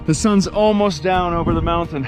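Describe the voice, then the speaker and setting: A man's voice: on the high side, normal speed, over music. Eager man exploring a ruin, raised voice. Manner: eager, wondering aloud, keeps saying look. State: slightly out of breath. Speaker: adventure vlogger. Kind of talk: excited exploration vlog. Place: outdoors at a hilltop castle ruin.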